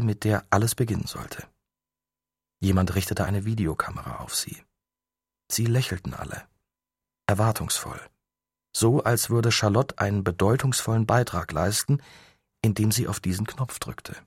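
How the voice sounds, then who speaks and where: A man narrating an audiobook in calm, measured storytelling. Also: fairly low pitch, husky, no echo, studio quality. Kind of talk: scripted narration.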